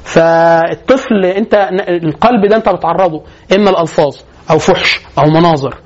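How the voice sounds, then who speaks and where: A man with an Egyptian accent giving a religious lecture on parenting, telling lively stories and laughing often. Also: a little high, a little fast, dull audio. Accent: Egyptian Arabic.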